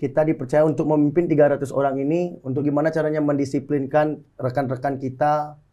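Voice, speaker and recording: A man's voice: a little high, little pitch movement, fast, dark tone, dull audio. A man in his twenties from Bali, a soldier and martial arts athlete, answering interview questions earnestly and often addressing the host politely. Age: 20s. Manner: earnest, often adds "Kak" to phrases. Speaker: soldier and pencak silat athlete.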